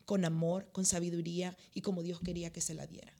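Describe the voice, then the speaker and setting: A woman pastor tells her testimony in a lively way, acting out the dialogue. Her voice has a gravelly, creaky texture. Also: fairly low pitch, fast talker. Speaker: pastor and prophet. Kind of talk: testimony in a faith talk.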